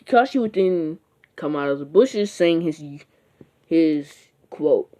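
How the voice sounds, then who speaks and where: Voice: medium pitch, animated, slow pace, mellow. A narrator telling a fan-made what-if story in a casual, rambling way, full of "like" and "uh" and restarts. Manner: rambling, with frequent fillers and restarts.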